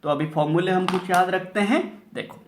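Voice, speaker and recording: A man's voice: high-pitched, moderate pace, a little hiss or hum. A man teaching math, repeating key terms and asking rhetorical questions, mixing Hindi and English. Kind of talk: classroom-style lecture.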